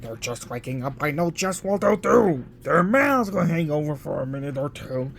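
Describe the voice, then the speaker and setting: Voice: mid-range voice, sing-song, moderate pace, creaky. Sly, gloating Grinch, as a narrator puts on. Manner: slick, scheming, mock-sweet. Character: sly, gloating male green holiday-hating creature. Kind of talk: storybook character voice.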